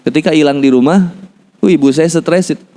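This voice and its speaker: A male preacher delivers a sermon as a lively personal story. His voice sits high for a man. He shifts his tone freely as he tells it. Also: brisk. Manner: animated, acts out quoted voices.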